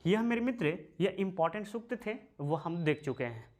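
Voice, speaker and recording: A man teaching a history lesson for exam preparation, repeating key phrases slowly and calling viewers his brothers and friends. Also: sits high, lively intonation, darkish tone. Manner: slow, repeats phrases for emphasis.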